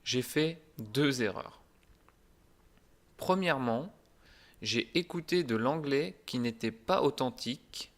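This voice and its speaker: Slow, calm male language teacher. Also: mid-range voice. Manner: calm, deliberate, clearly articulated. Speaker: French teacher. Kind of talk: scripted language lesson.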